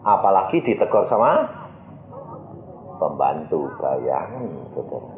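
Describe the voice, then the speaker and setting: A middle-aged preacher, delivering a sermon and acting out dialogues, swinging from quiet to loud. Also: male voice, low voice, big pitch swings, slow pace, crowd noise. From Indonesia. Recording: tinny, echoey church PA recording.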